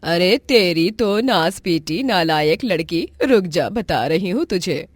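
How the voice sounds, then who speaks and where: A woman voicing a cruel, harsh middle-aged aunt who scolds slowly. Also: fairly low pitch, no echo, clean studio sound, close to an everyday voice. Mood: scolding.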